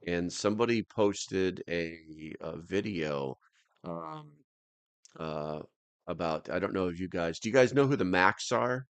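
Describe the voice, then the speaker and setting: Low, calm man rambling on a livestream. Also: vocal fry, clear, resonant tone, dry recording. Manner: rambling, halting, trails off and restarts. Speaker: livestream host. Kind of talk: casual chat with a livestream audience.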